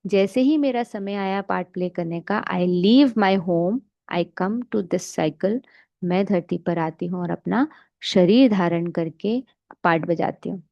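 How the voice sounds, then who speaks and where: A woman giving a calm, explanatory spiritual meditation lesson, asking rhetorical questions as she teaches. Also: on the low side, slow pace, creaky, no echo, highs cut off. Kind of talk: spiritual lecture mixing Hindi and English.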